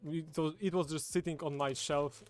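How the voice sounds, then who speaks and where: This man's voice is a little high, his intonation fairly even and his pace moderate. He's a Polish native speaker from Poland with a Polish accent, casually chatting as the host of a livestream. He sits indoors at a table with a streaming setup, with music playing behind him.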